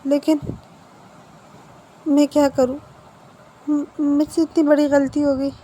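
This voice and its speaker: A woman's voice: high-pitched, dark tone, slight background noise, low-quality recording. A woman doing a stern mafia boss man. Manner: stern, commanding.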